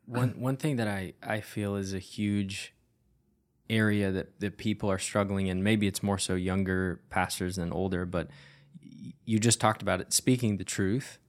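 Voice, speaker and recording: A man's voice: low voice, steady tone, moderate pace. A man interviewing a pastor, asking thoughtful questions with some hesitant restarts. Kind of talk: conversational interview.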